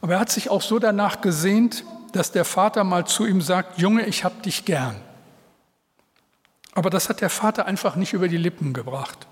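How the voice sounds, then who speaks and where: A middle-aged male pastor preaching an earnest, heartfelt sermon to his congregation, with pauses between phrases. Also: high-pitched. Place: church hall. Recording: reverberant church hall. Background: long reverb.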